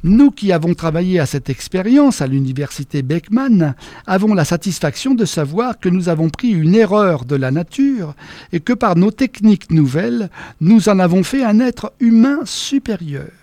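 A man's voice: high voice, very animated, moderate pace, mellow, no echo, clean studio sound. A man voicing a pompous, self-satisfied middle-aged male scientist giving a lofty speech in an audiobook.

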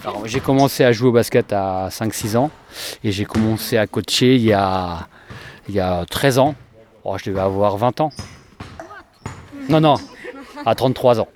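A man in his forties, a basketball coach, giving measured, explanatory answers in an interview. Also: on the low side, a little mellow, slight background noise.

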